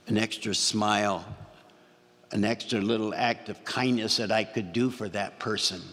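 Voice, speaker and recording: A man's voice: mid-range voice, fairly bright tone. A man preaching a homily as pastor, telling a story and repeating phrases for emphasis. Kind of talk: sermon. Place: church. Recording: long church reverb.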